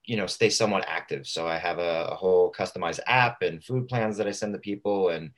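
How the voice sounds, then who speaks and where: A man from Southern California chatting casually as an interview guest, in informal, rambling, halting phrases. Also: deep voice, a bit bright. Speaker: radio show guest, fitness coach.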